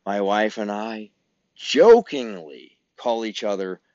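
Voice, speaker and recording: Deep, slow-talking profane man. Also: expressive, a little mellow, no echo. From Illinois, US Midwest. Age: 50s. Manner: blunt, profane, sarcastic. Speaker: podcast host. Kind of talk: ranting podcast monologue. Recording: dull, dry lo-fi recording.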